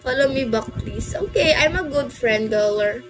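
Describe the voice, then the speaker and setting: Filipina girl doing a live stream, very high voice, talks slow, music playing behind. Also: animated. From Philippines. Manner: chatty, greets and thanks viewers by name. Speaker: livestream host. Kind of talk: casual livestream chat.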